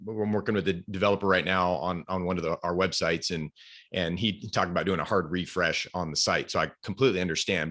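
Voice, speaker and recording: A man's voice: deep voice, sharp tone. A man giving upbeat, rambling feedback on a speech over a video call, with lots of restarts. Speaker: speech evaluator. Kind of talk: casual spoken feedback in an online club meeting. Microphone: computer mic on a video call.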